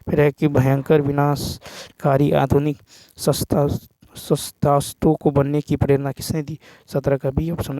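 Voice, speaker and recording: A man teaching an exam paper walkthrough, reading each question and answer option, then explaining the rule in a steady, explanatory way. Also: medium pitch, no echo. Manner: steady explanatory delivery, repeats answers with "ठीक है" and "next".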